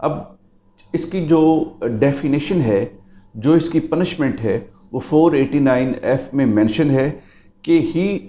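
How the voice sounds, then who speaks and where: A man's voice: medium pitch, slow, mellow, echoey room. Man giving a legal lecture. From Pakistan. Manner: explanatory, keeps repeating "remember". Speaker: lawyer.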